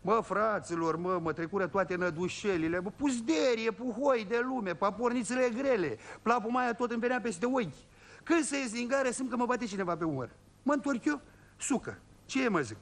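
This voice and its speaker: Man, high voice, folksy comic monologue, talks straight to the audience. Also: animated, fairly bright tone. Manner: folksy, addresses listeners directly. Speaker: comic storyteller.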